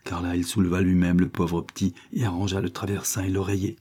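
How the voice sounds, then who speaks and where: A man narrating a classic novel in a measured, low reading voice. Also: flat delivery, darkish tone, slightly rough. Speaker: audiobook narrator.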